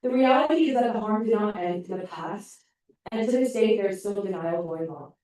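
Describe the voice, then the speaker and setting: A woman's voice: mid-range voice, lively intonation, moderate pace, warm tone. Firm young woman reading a statement. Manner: earnest, firm, prepared. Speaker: sorority president. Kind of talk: prepared public comment. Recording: echoey hall, mic from a distance.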